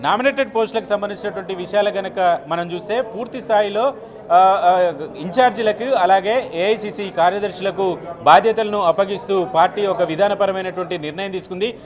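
A man in his thirties giving a live news report outdoors into a handheld mic, steady, with filler sounds between phrases. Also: high voice, a little fast, crowd noise. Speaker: field reporter. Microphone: handheld channel mic.

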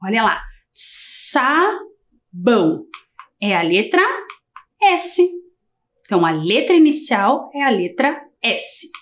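Brazilian woman teacher, slow and melodic, voice a bit high; drawn-out kids' TV lesson delivery. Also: sing-song. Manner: slow, drawn-out, sing-song teacher talk. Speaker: primary school teacher. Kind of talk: televised lesson for young children.

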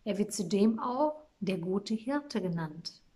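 Woman reading as a gentle wise angel. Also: medium pitch, lively intonation, slow pace, husky. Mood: calm.

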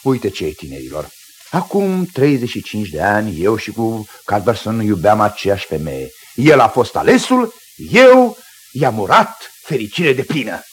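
A blustering old colonel in a radio drama, fond of his daughters but quick to lecture. His voice leaps wildly up and down, big and theatrical. It is stage-style acting. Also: lowish voice, sing-song, husky. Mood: reminiscing. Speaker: actor in a radio play.

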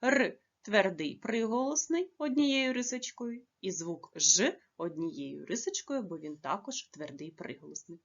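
A woman teaching a lesson to young children, dictating slowly and carefully with drawn-out words. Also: medium pitch, lively intonation, muffled recording. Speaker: primary school teacher.

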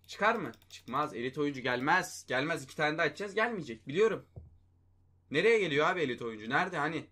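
A man's voice: fairly high pitch, expressive, fairly quick, bright, forceful tone. A man hosting a mobile game video, talking through his gameplay in casual commentary, often exasperated and talking to himself and his viewers. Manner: exasperated, talks to himself and viewers, mild swearing.

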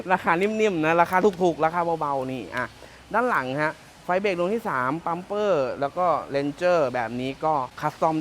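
A chatty car salesman from Thailand walks around a pickup truck outdoors, joking and repeating his points. His voice sits a little high for a man, and a faint outdoor ambience runs under it. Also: slight background noise. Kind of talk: casual walkaround car presentation.

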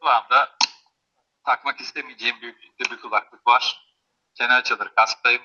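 A man's voice: medium pitch, steady tone, normal speed, sharp tone. A man testing earbuds inside a helmet asks brief checking questions, his voice muffled as if heard through a wall. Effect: muffled, as if through a wall, voice inside a closed helmet. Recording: dull muffled lo-fi sound, distant from the mic.

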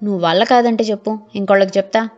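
A man's voice: sits high, fairly even intonation, fast, darkish tone, close to an everyday voice. A woman voicing a brash middle-aged village political fixer who brushes off worries in a breezy, dismissive way. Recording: muffled lo-fi, faint music.

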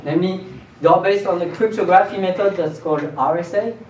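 In a classroom with a projector screen, a young man delivers a math seminar in a high, darkish voice, talking a little fast. His step-by-step explanation is full of restarts and repeated words. The audio, taken by a distant camera without a mic, sounds roomy and dull, with a faint hiss.

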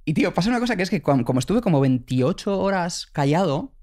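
A young man, co-hosting a podcast and telling a story in an animated, breathless way. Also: sits high, fast. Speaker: podcast co-host and actor. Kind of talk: casual storytelling chat.

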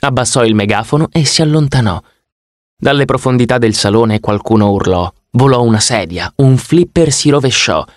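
A man reading an audiobook in the first person, expressive and vivid. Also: medium pitch, normal speed, no room sound, studio quality. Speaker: audiobook narrator.

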